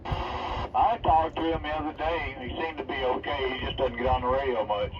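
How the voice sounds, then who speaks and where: A man's voice: medium pitch, fairly even intonation, normal speed, over music. A man who drives a truck, chatting casually over a CB radio in drawling trucker slang. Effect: heard over a CB radio. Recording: distant muffled CB radio with heavy static.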